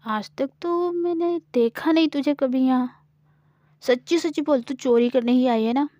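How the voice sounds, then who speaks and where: A woman's voice: high-pitched, moderate pace, no echo, close to an everyday voice. Woman playing a bossy, scolding young landowner, commanding, dry close recording. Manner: scolding, commanding, sometimes hushed. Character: bossy, brash young woman who owns the fields.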